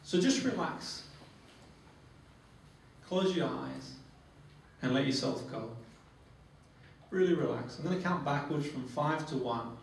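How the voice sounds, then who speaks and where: A man's voice: on the high side, lively intonation, slow, creaky, long pauses. A man leading a training demonstration in guided relaxation, instructive and repeating his phrases. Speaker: phobia therapy trainer. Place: echoey training room with a group. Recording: very echoey, distant mic, faint noise.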